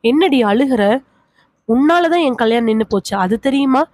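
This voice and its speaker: A woman's voice: high voice, lively intonation, darkish tone, dry recording. A woman voicing a bitter young village wife, accusing her in-laws in a storybook reading. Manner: accusing, reproachful, rapid questioning. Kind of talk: audiobook character reading.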